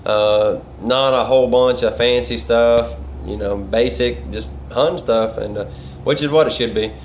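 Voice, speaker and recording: Folksy guy rambling through a casual tutorial, loose grammar, medium pitch, some noise in the background. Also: steady tone, measured pace. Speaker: duck calling instructor and caller. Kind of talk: casual instructional vlog talk.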